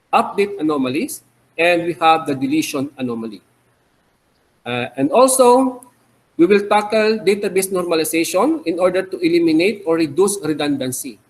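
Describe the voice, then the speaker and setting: A man's voice: sits high, rough recording. A man with a Filipino accent teaching a database webinar, explaining patiently and checking in with "okay?" as he goes. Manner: explains slowly, repeats key terms, frequent "okay?" checks. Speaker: webinar instructor. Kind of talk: online lecture.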